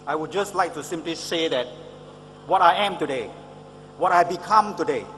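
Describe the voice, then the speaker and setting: A middle-aged motivational speaker and consultant gives an emphatic public speech packed with rhetorical questions. His fairly bright voice sits on the high side at normal speed, heard in a large hall with a little hiss or hum.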